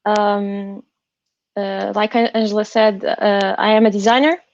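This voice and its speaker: A woman's voice: medium pitch, little pitch movement, darkish tone, dry recording, lo-fi sound. Careful, from a woman. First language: not English. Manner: careful English, hesitant and halting. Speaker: designer presenting a workshop. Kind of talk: online workshop presentation. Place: indoors on an online call.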